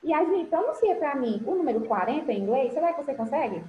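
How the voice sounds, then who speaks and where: A woman's voice: high-pitched, very animated, fast talker. A woman with a Brazilian Portuguese accent teaching English numbers to children in an online class, encouraging them with pet names. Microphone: video call. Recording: roomy, dull video-call audio with faint hiss.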